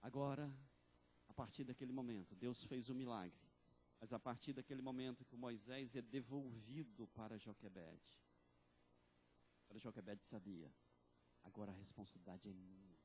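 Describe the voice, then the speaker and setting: A male pastor preaching a sermon with passion, voice rising and falling in loudness. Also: mid-range voice, moderate pace, a little hiss or hum. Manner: impassioned, with big swings in loudness.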